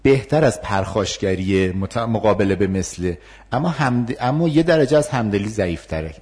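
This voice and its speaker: A man teaching a communication workshop, talking in a lively, questioning way with many fillers. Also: lowish voice. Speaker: workshop trainer. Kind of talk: interactive communication lesson.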